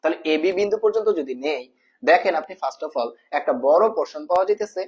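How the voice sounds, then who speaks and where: Repetitive math tutor, slightly high. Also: male voice, lively intonation, fast talker, darkish tone, dull audio. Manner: repeats terms as questions to the viewer, calling them brother. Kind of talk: casual spoken lesson.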